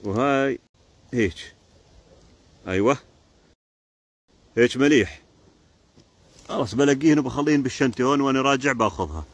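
A man's voice: medium pitch, animated, normal speed, long pauses. A man with a Jordanian Arabic accent chatting casually on a live stream while foraging outdoors in a forest, keeps pointing things out to the viewer.

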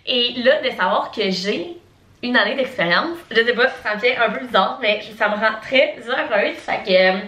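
A woman's voice: fairly high pitch, normal speed, sharp tone. A woman in her twenties from Quebec with a Québécois French accent, chatting casually and rambling to her vlog camera, full of fillers. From Quebec, Canada. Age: 20s. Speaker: vlogger.

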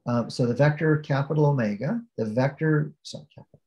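A man's voice: mid-range voice, a little fast, dull audio. A man giving an academic keynote lecture over a video call, explaining step by step with frequent fillers and restarts. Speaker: keynote speaker.

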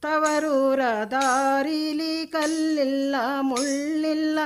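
A woman's voice: high voice, little pitch movement, extremely slow, faint music behind. A woman narrating in a sung, lilting folk-ballad style within a radio drama. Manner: chanting, lilting, repetitive.

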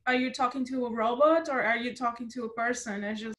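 Young student from Brazil, candid and fed up, higher pitch, roomy call sound. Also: female voice, steady tone, fast, fairly bright tone. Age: young adult. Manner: frank, frustrated venting. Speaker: first-year student. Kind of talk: casual video call chat. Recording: roomy video call audio.

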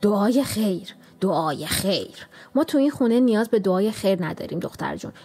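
A woman's voice: mid-range voice, animated, warm tone. A woman voicing a sneering, commanding old witch in a storybook, with a nasal, sarcastic manner. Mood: shouting. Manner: sarcastic, bossy.

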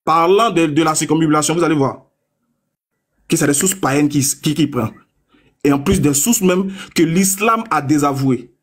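A young man in a combative live-stream debate, taunting his opponents and reading a source text aloud slowly and deliberately. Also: fairly high pitch. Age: young adult.

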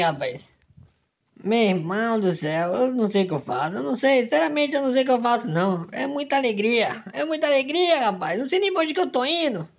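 A man, hosting a gaming channel and giving overexcited, exclamatory commentary on a hunting game. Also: high-pitched. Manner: exclamatory, emotional, fills lines with "rapaz".

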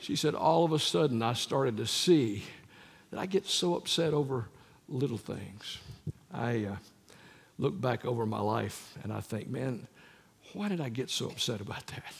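A man's voice: medium pitch, normal speed, creaky, slightly rough. An older man preaching a sermon, telling stories from his years as a counselor and acting out the voices of the people in them. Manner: animated storyteller acting out quoted voices. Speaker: guest preacher and former counselor. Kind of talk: storytelling sermon. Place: large church sanctuary. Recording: long reverb of a large church hall.

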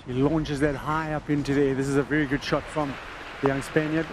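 A man's voice: fairly high pitch, level tone, a little fast. A man working as a golf commentator, describing tournament shots as they happen. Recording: clear outdoor background noise. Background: outdoor course ambience.

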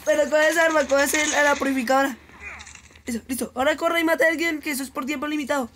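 A woman coaching a beginner through a mobile shooter, giving rapid instructions. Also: sits high, fairly even intonation, background noise. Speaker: game coach. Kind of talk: coaching gameplay.

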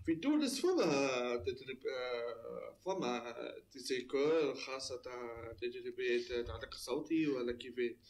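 A man with a Tunisian accent interviewing a guest, asking his questions haltingly with restarts. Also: medium pitch, expressive, darkish tone. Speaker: interviewer, host.

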